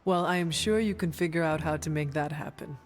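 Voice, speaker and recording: Woman voicing a calm wise mentor, measured and reassuring, game music faint behind. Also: low-pitched, close to an everyday voice.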